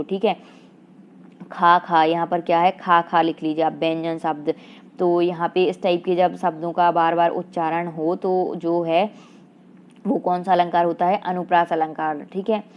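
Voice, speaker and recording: A woman teacher with a Madhya Pradesh Hindi accent runs an exam-prep grammar class. Her voice sits low and stays fairly even, and she keeps asking questions that she answers herself. The sound is dull and lo-fi, typical of a cheap online class recording. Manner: rhetorical questions answered herself, filler "ठीक है"; slow sing-song recitation of verse lines.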